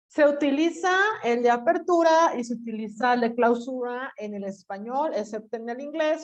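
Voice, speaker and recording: A woman's voice: on the high side, muffled recording. A woman teaching a class, chatty and teasing, often checking in with her students with questions. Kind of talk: online class lecture.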